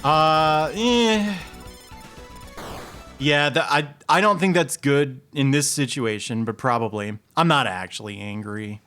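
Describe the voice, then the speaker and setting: A man's voice: medium pitch, moderate pace, hardly any pauses, pushed and bright, soft background music. A man streaming a retro video game live, chatting and joking with his viewers as he plays. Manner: jokey, chatty, laughs often, talks to chat. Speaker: streamer playing retro games. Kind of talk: casual live game commentary.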